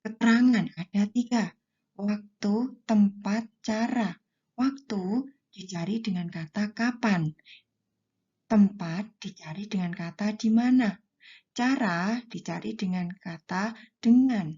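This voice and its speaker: A woman teaching a primary school class, explaining slowly and deliberately to her pupils. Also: medium pitch, dark tone, husky, lo-fi sound. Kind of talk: classroom lesson for children.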